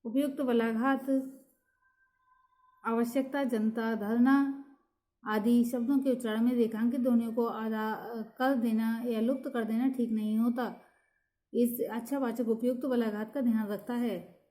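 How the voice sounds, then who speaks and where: A woman gives a lesson, working through her notes point by point in a steady, explanatory delivery. Her voice sits somewhat high yet sounds warm and mellow, and she fills the pauses between points with small hesitations. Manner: steady explanatory delivery with frequent fillers and "next point" cues. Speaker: teacher. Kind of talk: lecture reading from notes.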